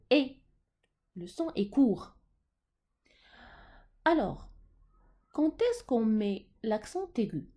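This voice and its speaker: Woman teacher explaining grammar to kids, slow and careful, voice goes up and down a lot, kinda mellow. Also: a little high. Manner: slow, repeats herself, stresses words. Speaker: French teacher. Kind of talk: teaching a grammar lesson to pupils.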